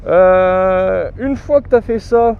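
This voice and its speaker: A man's voice: high-pitched, slow, vocal fry. A young man, ranting casually in a vlog and swearing a lot. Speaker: vlogger. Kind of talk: casual chat. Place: in a car in city traffic. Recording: muffled with loud traffic noise.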